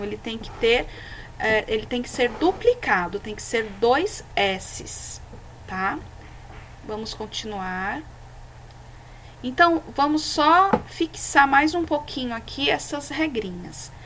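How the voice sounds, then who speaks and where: A woman teaching a recorded lesson to children, patient and didactic, checking in often. Her voice sits fairly high, and she speaks slowly, drawing out example words one by one. A faint hiss sits behind her voice. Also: fairly bright tone, poor audio. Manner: slows down and stresses words when reading examples aloud.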